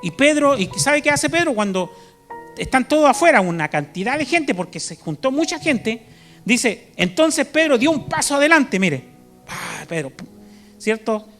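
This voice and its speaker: A man with a Chilean accent preaching a sermon to his congregation, animated, constantly checking in with "¿cierto?" and bursting into loud shouts. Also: extremely high pitch, moderate pace, soft background music. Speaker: pastor. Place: church service.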